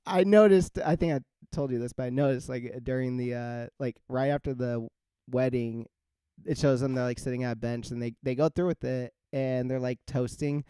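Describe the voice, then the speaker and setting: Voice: mid-range voice, fairly even intonation, normal speed, dark tone, clean tone, no room sound, studio quality. A podcast host chatting casually, rambling through fillers and breaking into laughter.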